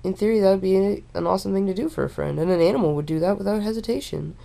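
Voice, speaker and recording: Gravelly, drawling young woman rambling. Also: medium pitch. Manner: meandering, halting, with frequent fillers and restarts; relaxed, stoned drawl. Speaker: vlogger. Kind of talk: rambling casual monologue to camera.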